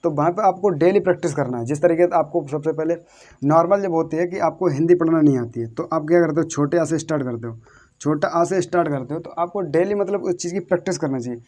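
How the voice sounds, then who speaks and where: A man's voice: fairly high pitch, fast talker, a little mellow. A man giving a lesson. He repeats himself, asks the viewers questions and answers them himself, and spells out words letter by letter. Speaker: English teacher. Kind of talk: classroom-style lesson.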